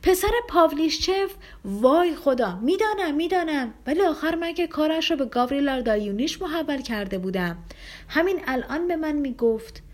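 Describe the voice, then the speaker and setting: A woman voicing a gentle, anxious young nobleman in an audiobook, speaking in an agitated, exclaiming way. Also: high voice, lively intonation, pitched above the performer's own voice. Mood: distressed.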